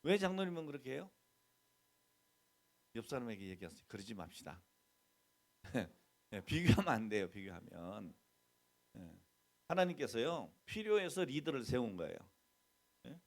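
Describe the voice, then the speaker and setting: A man's voice: mid-range voice, sing-song, moderate pace, pauses often. A middle-aged man, the senior pastor, preaching a conversational sermon. He keeps asking the congregation questions and acts out quoted bits of dialogue. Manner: mixes plain talk with quoted mock dialogue.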